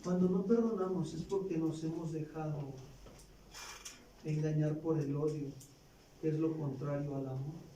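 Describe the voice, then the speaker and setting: A man preaching a sermon as pastor, often pausing for the congregation to finish his sentences. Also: a little high, steady tone, dark tone, distant mic, lo-fi sound. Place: church hall. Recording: echoey church, off-mic, faint hiss.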